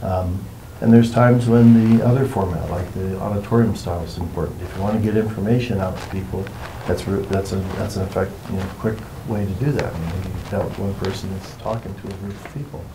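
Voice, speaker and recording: A man leading a workshop, explaining things to a group in an informal, meandering and unhurried way. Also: low voice, fairly even intonation, noisy background. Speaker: workshop facilitator.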